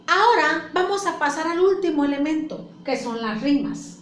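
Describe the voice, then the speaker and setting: A woman's voice: high-pitched, animated, moderate pace, slight background noise. A woman teacher explaining a lesson to her class patiently, repeating points and asking questions. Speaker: primary school teacher. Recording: echoey room with faint ambience.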